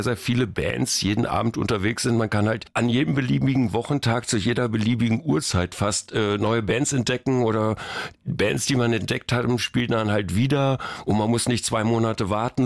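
Lowish-voiced man chatting as radio guest. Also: no room sound, clean studio sound. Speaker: radio guest, music industry professional and musician. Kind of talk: casual interview chat. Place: radio studio.

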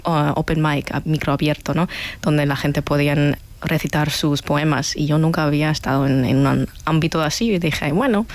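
A woman of half German, half Vietnamese origin, a guest on a radio interview, speaking warmly and from the heart with small restarts. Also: low voice, creaky. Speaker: event organizer, guest.

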